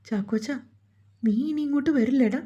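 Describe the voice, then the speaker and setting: A woman's voice: high-pitched, fairly quick, mellow, slightly rough, pitched above the performer's own voice. A woman voicing a worried older mother who pleads and scolds in an emotional tone, on a dull lo-fi recording. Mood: pleading.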